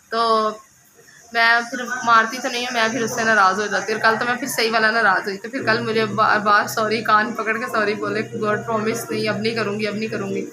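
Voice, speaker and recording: Woman in her 30s rambling on in a home vlog, kinda high voice, lots of noise behind. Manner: chatty, rambling storytelling. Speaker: vlogger, mother. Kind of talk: casual home vlog chat. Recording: loud background noise.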